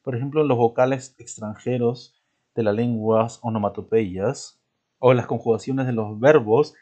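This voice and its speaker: A man's voice: medium pitch, steady tone, normal speed, darkish tone, dull audio. Man teaching, checking in with tag questions. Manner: explains step by step, asking and answering his own questions; points to something he is showing as he talks. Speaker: language teacher. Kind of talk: classroom grammar lesson.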